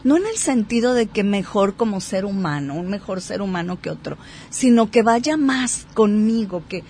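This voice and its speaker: A woman psychotherapist explaining a point in a talk show, lively and acting out example exchanges. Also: medium pitch, moderate pace, slight background noise. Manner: animated, acts out example dialogues.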